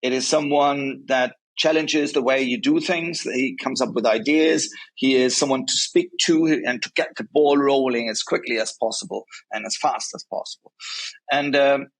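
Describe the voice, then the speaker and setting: Male interview guest, mid pitch, walks through points in order and keeps checking in with "right?". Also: fairly even intonation, normal speed, rough recording. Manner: explains point by point, often adds "right?". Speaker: guest, software company regional director. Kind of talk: casual interview talk.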